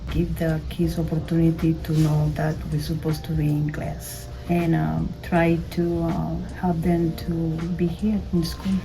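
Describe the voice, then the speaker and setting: An older woman from Spain, a native Spanish speaker, answering interview questions as a school attendance clerk in halting, non-native English. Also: low voice, level tone, vocal fry, poor audio.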